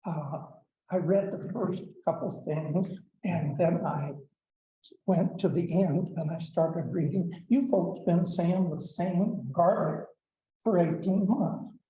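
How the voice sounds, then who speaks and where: A man's voice: on the high side, slow, warm tone, reverberant, low-quality recording. A man in his seventies giving a plainspoken, blunt public comment at a school board meeting, with frequent "uh" fillers. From Colorado, United States. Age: 70s. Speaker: public commenter, retired superintendent.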